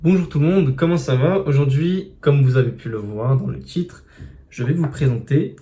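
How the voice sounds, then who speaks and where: A man's voice: fairly high pitch, moderate pace. A man casually unboxing and reviewing earbuds, chatty with many fillers and restarts, filmed on a phone indoors. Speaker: tech reviewer. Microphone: phone camera.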